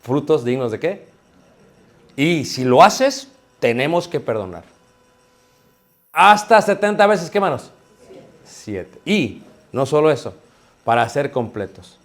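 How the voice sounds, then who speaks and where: A male preacher with a fairly high voice delivers his sermon like a chat with the congregation. He keeps asking rhetorical questions and calling his listeners brothers as he makes his points. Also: big pitch swings, takes it slowly, long pauses. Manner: repeatedly addresses listeners as brothers.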